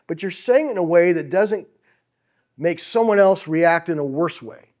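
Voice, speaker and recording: A man's voice: high-pitched, animated, moderate pace, darkish tone. A middle-aged man preaching a conversational sermon, chuckling as he acts out example phrases.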